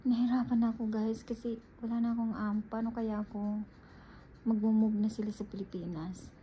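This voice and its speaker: A woman's voice: on the high side, a little fast. A woman from the Philippines casually telling viewers about her life, talking to them as guys. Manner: animated, addresses viewers as guys. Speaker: vlogger. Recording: dull lo-fi audio with faint ambient noise.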